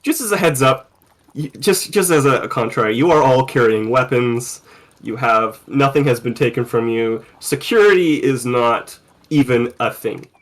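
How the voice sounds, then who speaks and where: A man's voice: mid-range voice, normal speed. A man narrating a tabletop game as game master, loose and rambling with lots of ums.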